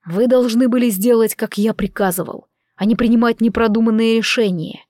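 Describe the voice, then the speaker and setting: A woman puts on an aloof king from an audiobook, his lines cut short and detached. The voice sits a little high and sounds dry and close, with no room around it. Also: fairly even intonation, brisk, dark tone, dry recording, lightly acted. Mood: cold. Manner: clipped, detached. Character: cold, curt male king.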